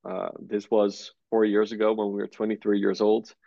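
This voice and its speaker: Guesting on a relaxed conversational interview, a Dutch startup co-founder in his twenties speaks with a lowish, creaky, mellow voice that barely moves in pitch, at a moderate pace. He's easygoing and uses plenty of "uh"; the audio is dull with no room sound.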